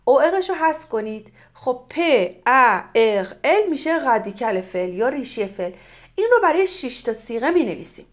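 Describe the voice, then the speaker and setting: High-voiced woman teaching French. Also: big pitch swings. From Iran. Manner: explains in Persian, reads French examples slowly and clearly. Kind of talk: grammar lesson.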